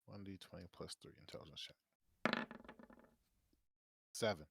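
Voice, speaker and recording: A man's voice: deep voice, moderate pace, gravelly, a bit bright, breathy edge, dry recording. A man playing in a tabletop game, chatting casually and laughing along. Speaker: player.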